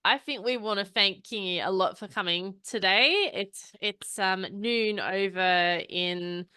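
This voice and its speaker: Bright, crisp woman hosting a call. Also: mid-range voice, unhurried, no room sound, clean studio sound. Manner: friendly, with frequent ums. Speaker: workshop host. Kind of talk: hosting a virtual workshop. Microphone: video call.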